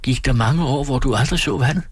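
An eager, fragile young woman, restless and tender, calling out in a raised, breathless voice, as a husky-voiced man reads her part. The read story is recorded close and dry, with no room around the voice. Her excitement comes through in a slightly roughened, husky tone. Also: mid-range voice, dry recording, voice pushed up, natural voice.

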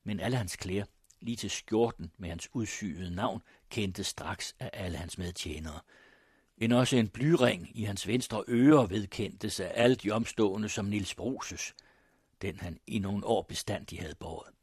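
A man narrating a first-person story in a measured, grave manner. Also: on the low side, a little mellow, husky, dry recording, studio quality. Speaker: audiobook narrator.

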